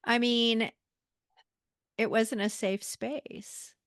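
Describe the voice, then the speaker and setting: A woman's voice: on the high side, flat delivery, extremely slow, a bit bright, no echo, clean studio sound. A woman hosting a podcast interview, affirming her guest in casual chat. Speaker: podcast host.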